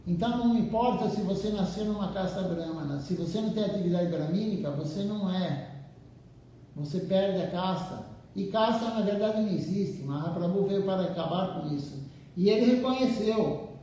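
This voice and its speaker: A man with a high but mellow voice gives a slow devotional talk, stopping and repeating words as he goes. He sounds far from the mic, in a temple hall full of echo. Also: a little hiss or hum. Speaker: temple speaker. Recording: very echoey room, far from mic.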